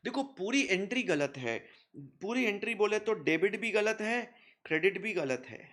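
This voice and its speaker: Lively Hindi-speaking commerce teacher, fairly high voice. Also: male voice, moderate pace. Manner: lively, teasing teacher who voices students' questions himself. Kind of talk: recorded classroom lecture.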